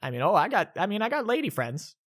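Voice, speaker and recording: A young man vlogging at home answers viewer questions in a high-pitched, slightly bright voice, very animated and quick. He's laid-back and rambling, frequently correcting himself and restarting what he says.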